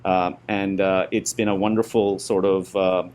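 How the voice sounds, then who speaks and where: A middle-aged man from India, a guest being interviewed, talking warmly with many fillers and restarts. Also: low-pitched, flat delivery, moderate pace. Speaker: guest, school parent and former board member. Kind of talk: conversational interview.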